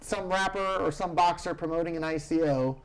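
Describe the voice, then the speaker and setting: A man hosting a casual news chat show who talks in an animated, opinionated way and slips into rants. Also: on the high side, fairly quick, a little hiss or hum. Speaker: show host.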